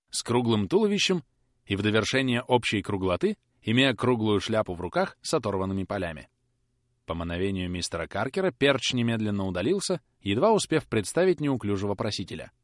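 A man reading a classic novel aloud, narrating in an expressive, measured way. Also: fairly low pitch, dry recording, clean studio sound. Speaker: audiobook reader. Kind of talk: audiobook narration.

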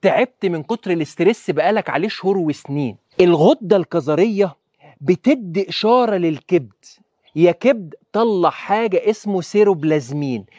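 A man with an Egyptian Arabic accent, a doctor giving a lively health lecture who keeps quizzing his listeners with rhetorical questions. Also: high voice, fairly quick, no echo.

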